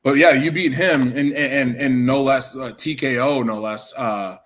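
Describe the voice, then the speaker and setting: A man's voice: mid-range voice, measured pace, fairly bright tone. A man with a Wisconsin accent hosting a casual podcast chat, rambling through thoughts with frequent restarts. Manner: rambling, many restarts and fillers. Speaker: podcast host.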